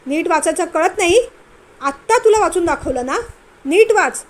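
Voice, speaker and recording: A woman's voice: high-pitched, normal speed, lightly acted. A woman voicing a stern young husband who scolds and mocks his wife while tutoring her. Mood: scolding. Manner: scolding, impatient, mocking.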